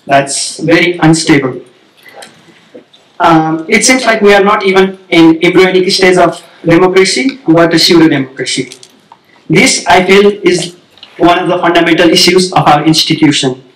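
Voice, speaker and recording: A man's voice: high voice, normal speed, fairly bright tone, recorded from a distance. A man from Nepal asking an earnest, pointed question from the audience. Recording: echoey hall, voice from off-mic.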